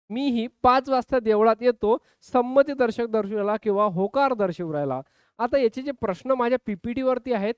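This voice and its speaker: A man's voice: extremely high pitch, clean tone, no room sound, studio quality. A man teaching an online exam-prep grammar lesson, acting out example exclamations and calling his students friends. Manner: lively, acts out example exclamations, keeps addressing students as friends.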